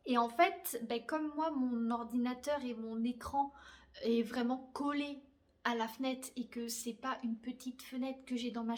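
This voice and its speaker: A woman's voice: on the high side, darkish tone. A young woman chatting casually about her crochet projects, with many fillers and blunt slangy asides. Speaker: crafting podcaster. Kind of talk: casual chat. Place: her bedroom.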